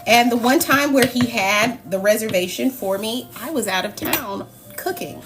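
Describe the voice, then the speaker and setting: A woman's voice: a little high, normal speed, over music. A woman hosting a cooking livestream, chatting casually and laughing as she answers her viewers. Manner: chatty, laughing, talks to live chat. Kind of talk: casual chat while cooking.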